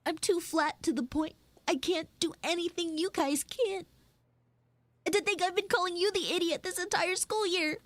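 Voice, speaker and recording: In this improvised livestream chat, a woman VTuber stays in character as a flustered tomboy tsundere schoolgirl, exasperated in a dramatic, whiny way. Her pitch is very high and her pace moderate, with no room sound.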